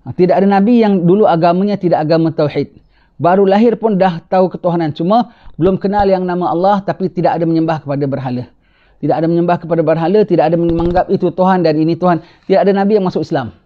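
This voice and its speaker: A man teaching a religious class who tells a story in an animated way and keeps asking his listeners "ha?" to draw them in. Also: high voice, fast, dull audio. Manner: animated, tags lines with rhetorical "ha?". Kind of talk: sermon storytelling.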